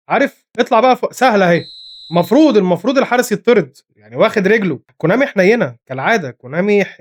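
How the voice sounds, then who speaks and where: Egyptian male gamer commentating his own match, very fast, high voice, excitable, scolds his players, slightly hoarse. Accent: Egyptian Arabic. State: voice getting hoarse. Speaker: gaming commentator. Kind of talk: live gameplay commentary.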